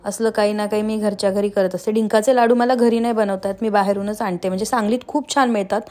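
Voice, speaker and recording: A woman's voice: mid-range voice, steady tone, darkish tone. Chatty homemaker woman. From Maharashtra, India. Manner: chatty, with frequent pauses and fillers. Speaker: vlogger and homemaker. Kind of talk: casual vlog chat and voice-over. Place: home.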